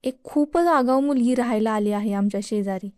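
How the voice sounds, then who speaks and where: A woman's voice: on the high side, moderate pace, mellow, dry recording, studio quality, lightly acted. A woman voicing an irritable young male college student who snaps and grumbles. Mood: irritated. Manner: snapping and grumbling.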